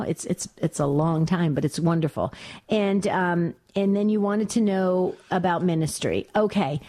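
An older woman hosts a faith call-in radio show, speaking at a middle pitch for a woman. She talks in a chatty, rambling way and keeps restarting her sentences. She grew up in New Jersey. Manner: chatty, warm-hearted, many restarts. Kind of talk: talk radio monologue.

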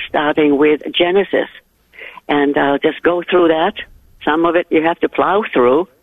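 Gravelly Finnish-accented woman on a phone. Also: low-pitched, no echo. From Finland. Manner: earnest, devout. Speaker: caller. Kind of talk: call-in radio chat. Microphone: telephone. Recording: tinny phone line.

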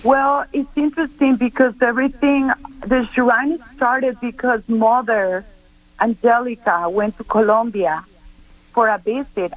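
A woman's voice: a little high, no echo, low-quality recording. Earnest middle-aged woman from Costa Rica. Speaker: guest speaker. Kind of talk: radio interview chat.

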